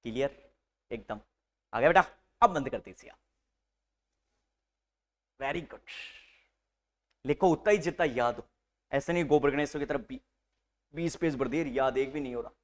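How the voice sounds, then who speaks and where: A man teaching a live nursing class to a room of students, lively and teasing, mixing English medical terms into his speech. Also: mid-range voice, measured pace, pauses often. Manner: animated, teasing, mixes Hindi with English terms.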